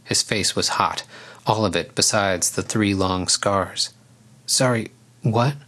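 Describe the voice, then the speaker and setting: A man narrating a storybook in a calm, even reading voice. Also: low-pitched, a little slow.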